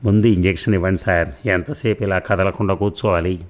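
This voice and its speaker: A man's voice: low voice, steady tone, a little fast, natural voice. A man doing a stubborn, impatient male patient. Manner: demanding, curt.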